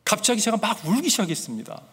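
A man's voice: high voice, big pitch swings, fast, fairly bright tone, husky, long reverb tail. A man preaching as a pastor. He speaks earnestly and keeps turning to the congregation with questions. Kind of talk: sermon.

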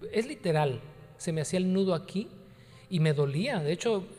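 A man's voice: high-pitched, lively intonation, a little fast, dark tone, big-room sound, faint music behind. A man preaching a conversational sermon, telling personal stories and repeating phrases for emphasis. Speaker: pastor.

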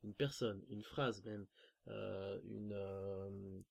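A man's voice: fairly low pitch, flat delivery, very slow, vocal fry. A man interviewing a guest, asking long rambling questions and searching for his words.

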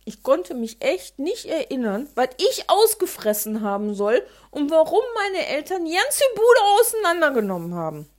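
A woman telling a childhood story in a chatty, colloquial manner. Her voice sits high and moves lively up and down in pitch. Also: moderate pace, hardly any pauses.

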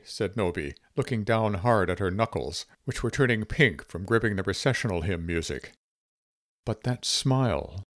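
A man narrating a novel as an audiobook in a wry, expressive way. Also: on the low side, dry recording, studio quality.

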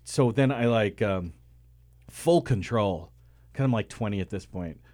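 A man's voice: lowish voice, measured pace, a little mellow, no room sound. A middle-aged man co-hosting a comedy radio show, telling stories with a laugh in casual banter. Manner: storytelling, laughing often.

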